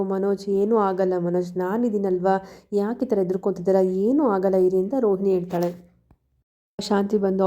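Brief: woman narrator recapping a drama plot, Kannada accent, very dark mellow tone. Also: mid-range voice. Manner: plain storytelling, reads characters' lines without acting them. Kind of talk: retelling a TV serial episode, voicing quoted lines.

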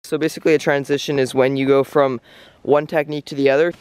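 A man in a coaching role adds ski tips in a relaxed, conversational way, leaning on small fillers as he talks. His pitch is in an ordinary middle range. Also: fast, clear, resonant tone. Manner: casual, points out tips with fillers. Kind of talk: instructional commentary.

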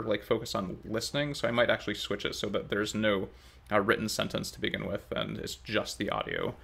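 A man in his thirties with a fairly low pitch, vocal fry, and a bright, forceful tone vlogs about language learning. Standing in the open kitchen and dining room at home, he gives an unscripted, casual update to camera, rambling somewhat and hesitant as he thinks out loud.

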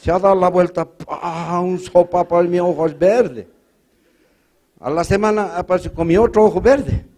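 A man's voice: high voice, moderate pace, darkish tone. A man from Bolivia with a Bolivian Spanish accent, performing a stand-up routine, telling folksy stories and doing a stutter and other voices for the characters. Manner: storytelling with funny voices and mock stutter. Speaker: stand-up comedian.

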